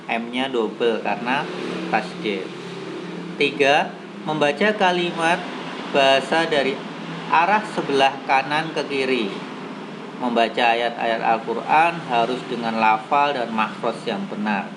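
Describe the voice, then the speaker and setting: A man's voice: mid-range voice, measured pace. A man teaching a Quran reading lesson, explaining patiently and chanting the verses in a melodic recitation. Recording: audible background noise.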